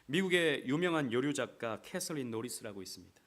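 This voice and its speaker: A man's voice: mid-range voice, expressive, fairly quick. A man pastor delivering a Wednesday sermon, reading scripture aloud and acting out quoted voices dramatically. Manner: dramatic, acts out scripture quotes and mocking crowds loudly. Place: church sanctuary.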